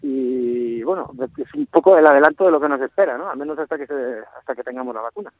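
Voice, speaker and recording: A male correspondent calling in on a thin phone line with no bass, his voice muffled by a face mask, talking casually with many restarts. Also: quick pace, dry recording. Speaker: foreign correspondent. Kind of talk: casual live call-in chat. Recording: dry, tinny phone line.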